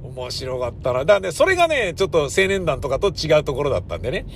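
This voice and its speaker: A man's voice: a little high, huge pitch swings, quick pace, slight background noise. A man, a stage actor, reminiscing casually in a wistful storytelling manner, acting out the quoted lines of others.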